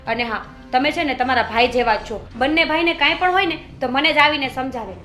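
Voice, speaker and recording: An actress plays a sharp-tongued young sister-in-law who answers back indignantly. Her voice is high and bright, and it rings in an echoey room. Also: brisk, faint music behind. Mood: complaining. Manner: retorting, indignant.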